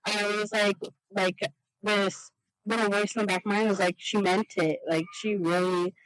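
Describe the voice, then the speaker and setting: A woman hosting a casual podcast chat, talking in a halting, rambling way full of "like" fillers. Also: medium pitch, steady tone, poor audio. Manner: halting, heavy use of "like" fillers. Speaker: podcast host.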